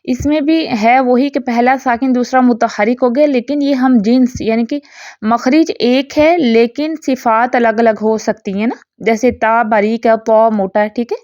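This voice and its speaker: A woman teaching a Quran recitation lesson in speech, explaining rules patiently and reciting examples slowly. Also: fairly high pitch, darkish tone, no room sound. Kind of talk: online tajweed lesson. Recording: dry, slightly dull lo-fi recording.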